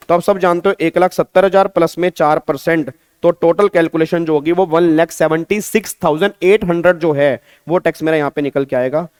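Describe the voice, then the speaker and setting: A man's voice: high voice, smooth, no room sound. A man with an Indian accent giving an online exam-prep tax lecture, coaxing students and repeating his questions, mixing Hindi with English terms. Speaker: tax teacher.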